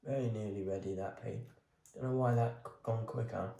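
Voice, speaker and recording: A man's voice: lowish voice, fairly even intonation, a little fast, gravelly, dark tone, soft background music. A man vlogging casually as he works on a bonsai, talking himself through each step with a lot of hesitant ums. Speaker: crafting vlogger. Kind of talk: casual talk while working on a bonsai. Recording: roomy echo.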